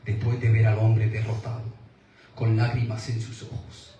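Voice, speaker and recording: A man preaching a sermon as pastor, earnest, dropping to a hush when he quotes God. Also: lowish voice, completely flat delivery, moderate pace, lo-fi sound, a little hiss or hum. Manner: earnest, quoting God in a hushed voice. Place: church hall. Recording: roomy echo, mic from a distance.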